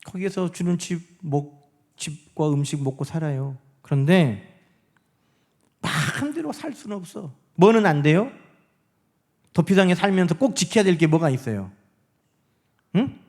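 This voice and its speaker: A man preaching from the pulpit in a high voice that leaps up and down. He puts questions to his congregation and moves between ringing emphasis and soft, almost whispered words. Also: big pitch swings, a little slow, pauses often. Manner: asks the congregation rhetorical questions; swings between loud emphasis and hushed, near-whispered lines. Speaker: pastor. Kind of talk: sermon. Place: church sanctuary.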